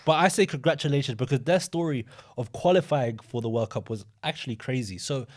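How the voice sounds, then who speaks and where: Young man, podcast co-host, animated casual football chat, mid-range voice. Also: medium pitch, brisk. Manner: animated, rambling storyteller.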